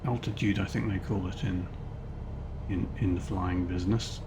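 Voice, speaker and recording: A man's voice: low voice, fairly even intonation, normal speed, noisy background. A man giving casual, rambling running commentary as he flies, thinking aloud.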